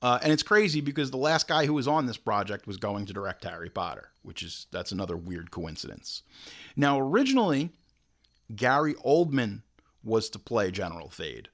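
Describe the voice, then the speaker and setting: A man hosting a show, telling film history in a casual, joking way with animated asides. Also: on the low side, normal speed. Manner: animated storyteller, jokey asides. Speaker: show host.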